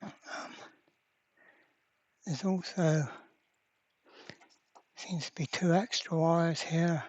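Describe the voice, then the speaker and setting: In hesitant, casual workbench commentary, a repair video presenter drags out his words and leaves long pauses. His voice is medium-pitched, a little mellow and fairly even, captured in dull, muffled lo-fi sound.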